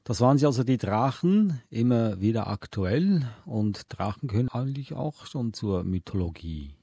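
A man's voice: medium pitch, big pitch swings, moderate pace, dark tone, breathy edge, no echo, clean studio sound. A man hosting a podcast on children's books, introducing segments and chatting with his co-host. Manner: conversational, presenting.

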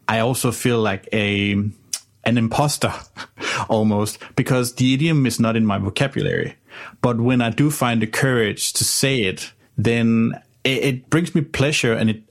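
Brief: male host, earnest scripted narration, mid-range voice. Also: medium pitch. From Denmark. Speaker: presenter.

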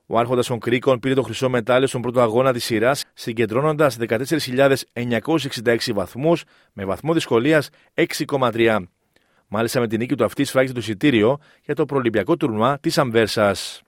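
A man's voice: medium pitch, no room sound, clean studio sound. A man reading a scripted sports results bulletin as a news presenter.

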